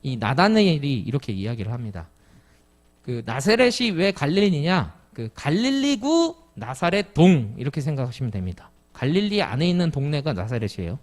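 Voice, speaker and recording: A man's voice: fairly high pitch, very animated, normal speed. A middle-aged man from Jeju preaching an expository sermon, explaining step by step and putting questions to the congregation. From Jeju, Korea. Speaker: pastor. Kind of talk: expository sermon at a midweek service.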